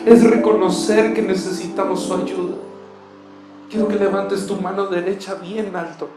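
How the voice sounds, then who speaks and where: A man's voice: sits high, level tone, moderate pace. A male pastor, possibly, closing a sermon by leading the congregation in prayer and fervent declarations from a church stage. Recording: echoey church hall with music. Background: soft guitar music.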